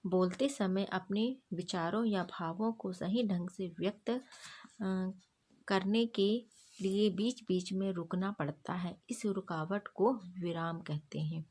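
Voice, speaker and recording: A woman's voice: lowish voice, a little mellow. A woman teacher with an Indian accent reads a grammar lesson aloud to her students, explaining each point step by step and mixing English words into her talk.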